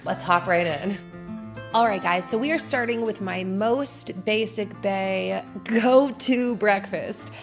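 Over soft background music, a woman in her thirties narrates her cooking for a vlog, speaking slowly in a mid-range voice. She's chatty and relaxed at home indoors, using casual fillers as she goes.

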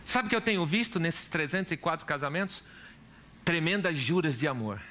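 High bright pastor guy preaching in church, faint room hum behind, tells stories and quizzes the crowd. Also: animated, fairly quick. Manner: storytelling preacher, asks the congregation questions. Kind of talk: sermon. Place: church hall.

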